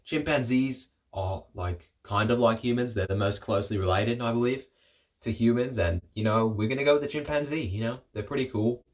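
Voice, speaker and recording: A man's voice: mid-range voice, brisk. A young man talking in a rambling, jokey way, making casual solo commentary for his video channel and often breaking off his own sentences. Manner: rambling, jokey, self-interrupting. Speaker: vlogger.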